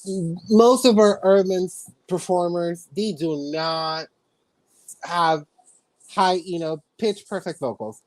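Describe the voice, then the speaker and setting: A woman from the Dominican Republic in casual chat on a video call, relaxed and hesitant with fillers. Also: fairly low pitch, slow pace, dry recording.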